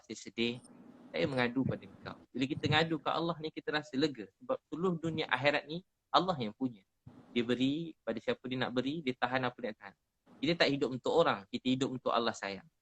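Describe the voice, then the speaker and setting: A man speaking Malay with a Malaysian accent, a preacher giving earnest religious advice in conversation, repeating prayer lines slowly and softly. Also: medium pitch, rough recording.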